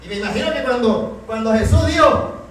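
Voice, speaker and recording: A man's voice: extremely high pitch, fairly quick, slight background noise. A man preaching a passionate sermon, often stopping to ask the congregation whether they are listening. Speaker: pastor. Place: church hall. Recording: very echoey hall, mic far off.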